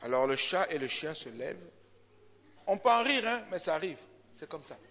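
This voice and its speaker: A pastor preaches with a high, bright, penetrating voice, hammering home his points by repeating them. He drifts into caricatured animal stories to make his point. His voice echoes with the long reverb of a church hall. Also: big pitch swings, normal speed. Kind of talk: sermon.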